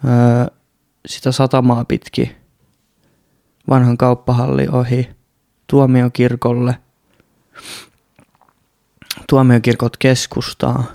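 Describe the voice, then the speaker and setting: A man's voice: mid-range voice, completely flat delivery, creaky, warm tone, no echo, clean studio sound. A young man, rambling and swearing a lot as he hosts a casual solo podcast. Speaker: podcast host. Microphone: studio mic close up.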